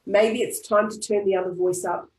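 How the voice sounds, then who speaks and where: Australian woman calmly guiding a tapping session. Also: mid-range voice, normal speed. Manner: calm, repetitive affirmation-style phrasing. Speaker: EFT tapping practitioner. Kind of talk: guided group tapping session. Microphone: online video call. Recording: roomy echo.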